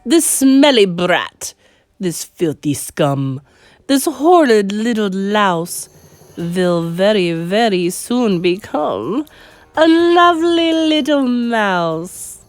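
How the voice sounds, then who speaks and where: A theatrical witch leader from a storybook, voiced by a woman, who drips false sweetness and then barks shrill orders. She stretches her words slowly and pushes them loud and high. Faint music plays behind her. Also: very animated, no room sound, full character voice. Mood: gloating. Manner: syrupy sweet turning to shrill commands. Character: menacing female witch leader, scheming and theatrical.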